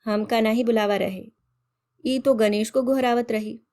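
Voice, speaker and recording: A woman's voice: fairly high pitch, steady tone, unhurried, darkish tone, close to an everyday voice. A woman voicing a simple, stubborn young male servant who speaks in rustic village dialect.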